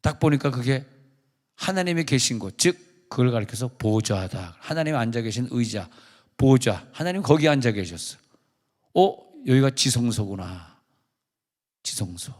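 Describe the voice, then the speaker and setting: A man's voice: medium pitch, animated, unhurried, a little mellow, big-room sound. A male pastor giving a conversational, joking sermon to his congregation. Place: large church sanctuary.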